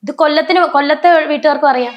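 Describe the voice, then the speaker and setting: In an emotional personal interview, a woman animatedly tells stories, acting out the voices of the people involved and frequently restarting or correcting herself. Her high voice is very fast, and the sound is lo-fi.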